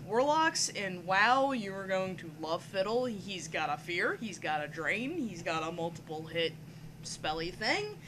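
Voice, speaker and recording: A woman's voice: on the low side, big pitch swings, unhurried. A woman co-hosting casual gaming chat with playful, emphatic interjections. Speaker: podcast co-host. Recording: clear background noise, clicks.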